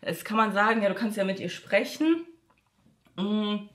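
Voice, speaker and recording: A woman's voice: lively intonation, normal speed. A woman telling a personal story to her viewers in a casual monologue, acting out the quoted dialogue and addressing the audience with frequent fillers. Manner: acts out quoted dialogue with shifts in pitch. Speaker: vlogger.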